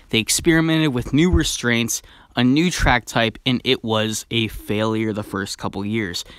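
A man talking in an excited, chatty way as a theme park vlogger, sharing strong opinions in video commentary. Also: mid-range voice, clear, resonant tone, dry recording.

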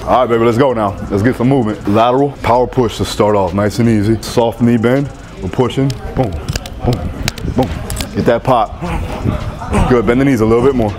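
A man's voice: mid-range voice, normal speed. A man in his thirties coaching a workout in a gym, calling out punchy, repetitive commands and encouragement. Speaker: strength coach. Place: large indoor gym. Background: music.

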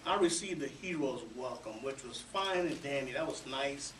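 A man's voice: medium pitch, animated, moderate pace, fairly bright tone. A retired male veteran speaking candidly on a radio roundtable. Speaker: retired Iraq veteran panelist. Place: small radio studio. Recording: roomy, distant camera audio with faint noise.

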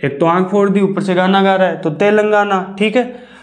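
A man's voice: high voice, fairly even intonation, moderate pace. A man teaching a classroom lesson, asking questions and answering them himself, stretching out the key words. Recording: echoey room.

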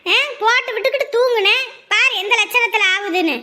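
A woman playing a nagging, shrill young wife. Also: brisk, sharp tone. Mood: scolding. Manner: nagging, scolding. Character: scolding young wife nagging her sick husband.

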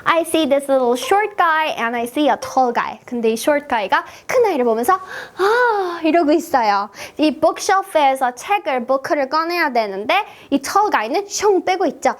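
A woman's voice: high voice, animated, slow pace, hardly any pauses. A woman teaching English to children in a playful, sing-song way, with exaggerated gasps and cheerful prompts. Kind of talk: children's language lesson.

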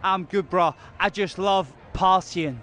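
A man's voice: high voice, steady tone, measured pace, fairly bright tone. A young man in a rowdy, casual vox pop, speaking into a handheld mic on a street. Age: young adult. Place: outdoors on a tree-lined night street. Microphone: handheld microphone. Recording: outdoor street, faint music.

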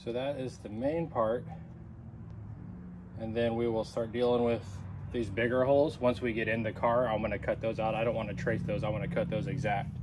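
Level in tone and mid-range, a middle-aged American's voice moves at a moderate pace as he narrates a hands-on car repair tutorial. He keeps it casual and plain-spoken, working step by step across a patio, driveway and car, with clear outdoor background noise.

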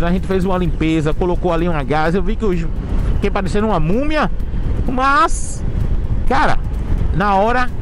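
A young man hosting a motovlog, chatting casually and laid-back with his viewers while riding a scooter through a sunny city, using a helmet mic. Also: sits high. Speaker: motovlogger host. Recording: clear road and traffic noise behind.

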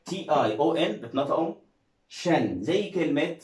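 A man's voice: fairly high pitch, animated, fairly quick, a little mellow, echoey room, rough recording. A man with an Egyptian Arabic accent teaching an English reading lesson, coaxing viewers with questions and praise. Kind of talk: classroom-style video lesson.

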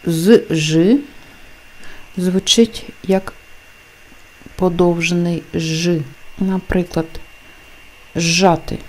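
A woman teacher explaining pronunciation rules in a deliberate lesson, carefully enunciating example words. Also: lowish voice, warm tone. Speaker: language teacher.

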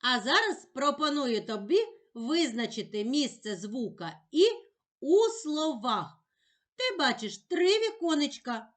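A woman teacher giving a slow, clearly spoken lesson for young children, drawing out the words and sounds she stresses. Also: high-pitched, very animated. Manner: drawn-out, sing-song emphasis on words and sounds.

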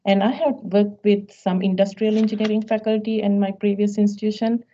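A middle-aged woman, a professor as featured guest, answering questions in a measured, explanatory way with frequent ums over a video call. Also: mid-range voice, fairly even intonation, mellow. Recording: dull lo-fi video call audio.

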